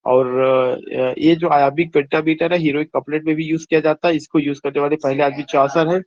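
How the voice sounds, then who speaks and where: A man delivers an exam-prep lecture, explaining each quiz answer by posing a question and answering it himself. He reads the English question text slowly and deliberately. His voice sits fairly high, recorded dry and close with a muffled, lo-fi sound. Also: fairly even intonation, a little mellow, no room sound. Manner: explains in Hindi mixed with English terms, asks and answers his own questions. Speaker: teacher.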